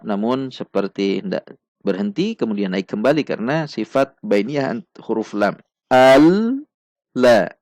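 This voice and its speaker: A man's voice: medium pitch, gravelly, a little mellow, dry recording. A man teaching Quran recitation rules, patiently sounding out syllables one at a time and repeating each with care. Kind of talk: step-by-step tajwid lesson with recited examples.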